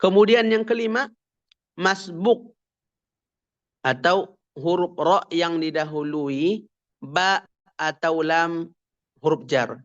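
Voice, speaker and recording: A man teaching tajwid recitation rules, explaining each rule and then slowly and emphatically reciting the example words. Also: on the high side, muffled recording.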